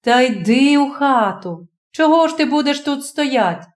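A woman reading the lines of a calm, kind young male official, speaking soothingly. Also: high voice, a little slow. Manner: soothing, reassuring. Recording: roomy echo.

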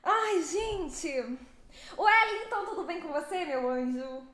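A young Brazilian woman streaming a driving game, chatting with viewers in a lively, fast way and laughing often. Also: extremely high pitch, reverberant. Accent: Brazilian Portuguese. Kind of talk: live stream chat with viewers.

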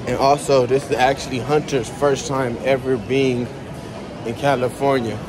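A man's voice: mid-range voice, little pitch movement, normal speed, crowd noise. A young man in his twenties talking casually to his viewers in a travel vlog, filmed on a phone held at arm's length in an airport and a car. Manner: laid-back slangy talk to viewers. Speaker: vlogger. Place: airport terminal, walkway and parked car. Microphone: phone held low at arm's length. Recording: noisy background.

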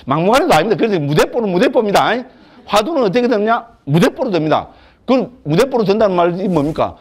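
Lively monk lecturing. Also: male voice, high-pitched. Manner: chatty, joking, full of rhetorical questions. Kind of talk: lecture on Buddhist scripture.

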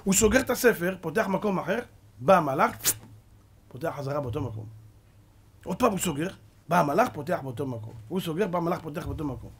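A man, a rabbi, giving a storytelling sermon, animated, acting out characters and asking rhetorical questions. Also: on the high side, slightly rough.

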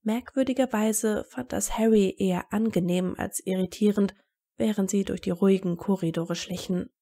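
A woman reads a story aloud in steady narration. Her voice sits in the middle range. A gravelly fry colours it throughout. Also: mid-range voice, normal speed. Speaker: fan fiction reader.

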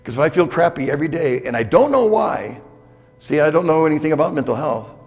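Speaking fast with lively intonation, a keynote speaker in his sixties has a somewhat high voice with a darkish tone. Candid and conversational, he keeps checking in with the conference audience with "okay?", recorded on a lapel mic in a reverberant hotel conference hall.

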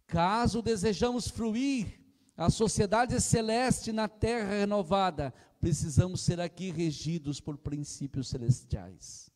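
A man's voice: high-pitched, measured pace, darkish tone. An older man with a Brazilian Portuguese accent preaching an impassioned sermon into a handheld mic on a church platform, often calling out to the congregation and retelling anecdotes. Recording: long hall reverb.

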